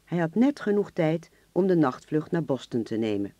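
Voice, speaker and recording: Brief: male narrator for a radio drama, slightly higher voice, dry close sound, measured delivery. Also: big pitch swings, dark tone, no echo.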